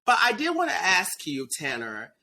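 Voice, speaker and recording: This Dallas, Texas podcast host in his thirties runs a relaxed interview show via video call with a gossipy, teasing manner. His high, bright voice swings hugely in pitch and sounds forceful at a normal speed. A little hiss or hum is audible.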